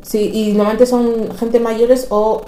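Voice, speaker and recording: Mellow-voiced woman hosting a chat. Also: on the high side, level tone, slow. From Equatorial Guinea. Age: 40s. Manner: affirming, laughs often, winds up warmly. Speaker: podcast host. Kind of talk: casual interview chat. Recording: echoey room.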